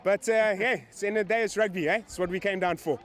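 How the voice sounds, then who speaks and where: Cheerful male captain, high and quick. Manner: cheerful, tags sentences with eh. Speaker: team captain. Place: outdoors at a rugby ground.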